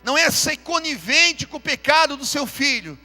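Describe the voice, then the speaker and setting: A man's voice: very high-pitched, sing-song, moderate pace, bright, forceful tone, soft background music. A man preaching a fervent sermon in church, calling out to the congregation and asking them to repeat after him. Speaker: pastor. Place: church during a live service.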